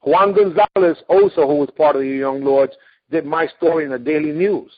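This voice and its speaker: A man hosting a casual radio interview, telling stories with lively acted-out quotes. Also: on the high side, brisk. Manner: animated storyteller, acts out quotes. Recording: phone-like radio audio.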